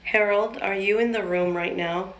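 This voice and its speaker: A woman's voice: medium pitch, steady tone, moderate pace, fairly bright tone. A woman co-hosting a paranormal live stream, talking casually to viewers and asking questions aloud indoors. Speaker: paranormal investigator, live show co-host. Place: indoor room. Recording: echoey room with faint noise.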